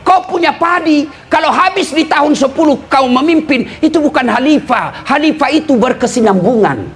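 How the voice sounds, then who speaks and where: A man from eastern Indonesia with a lilt, preaching a humorous sermon to a live audience, teasing and often shouting and laughing. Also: very high voice, lively intonation, normal speed. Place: live event before an audience.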